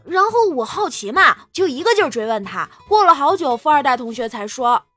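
A woman co-host reads comic sketches. Her high, bright voice is lively and expressive. Her pitch swings widely as she tells the stories. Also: a little fast, faint music behind. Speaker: podcast co-host.

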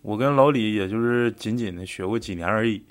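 A man's voice: lowish voice, fairly quick, slight background noise. A man with a Northeastern Chinese accent hosting a casual podcast chat, joking in an earthy, profane way. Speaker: podcast host. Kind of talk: casual chat with bantering commentary.

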